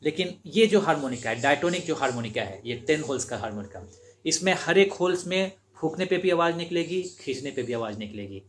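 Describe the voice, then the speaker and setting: A man's voice: on the high side, expressive, a little fast, a little hiss or hum. A man teaching beginners harmonica, explaining patiently and repeating each step as he demonstrates. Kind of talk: instructional demonstration.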